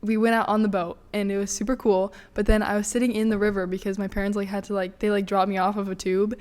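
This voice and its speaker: A woman's voice: medium pitch, little pitch movement, quick pace, a little mellow. Chatty giggly teenage girl. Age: teens. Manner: chatty, many likes, giggly. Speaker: podcast guest. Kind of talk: casual chat.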